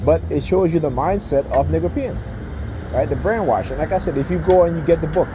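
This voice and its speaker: A man's voice: fairly high pitch, brisk, noisy background. A man giving an informal, opinionated rant, emphatic and often checking in with short questions. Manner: emphatic, repeatedly punctuates points with check-in questions like "right?" and "okay?". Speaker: speaker giving commentary.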